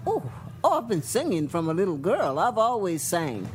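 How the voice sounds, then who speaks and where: A woman in her seventies with a South Louisiana accent, a singer and guest telling stories in a folksy, drawn-out way. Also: lowish voice, sing-song, darkish tone, slight background noise. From Louisiana bayou country. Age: 70s. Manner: folksy, drawn-out storytelling with colloquial phrasing. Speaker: guest, singer and praline maker. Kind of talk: casual chat.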